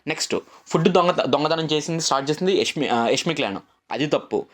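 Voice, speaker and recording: A man's voice: fairly high pitch, animated. A young man giving a casual, opinionated reality show review, repeating himself and mixing in English words. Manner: rapid, repetitive, mixes English words, argumentative.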